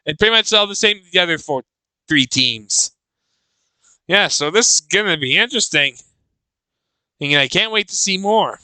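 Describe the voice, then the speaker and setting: This reaction-video host has a high, clean voice, bright and expressive, and he muses haltingly while circling back on what he just said. The sound is dry and close-miked but the overall audio quality is poor.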